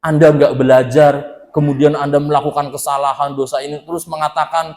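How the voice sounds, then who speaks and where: A man's voice: on the high side, flat delivery, a little fast, darkish tone. A male preacher teaching scripture to a women's study group, asking rhetorical questions and answering them himself, repeating key points. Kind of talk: religious lecture on scripture.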